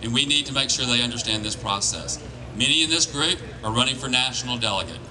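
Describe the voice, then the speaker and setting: A plain-spoken man giving an informal political speech as a campaign organiser, with halting restarts. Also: mid-range voice, rough recording. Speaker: campaign organiser addressing volunteers. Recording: crowd noise behind live speech. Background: crowd.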